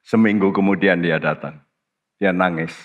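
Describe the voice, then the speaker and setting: A man preaching a sermon as pastor, slow and emphatic, with sudden high-pitched stresses on key words. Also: highs cut off. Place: church. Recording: church hall reverb.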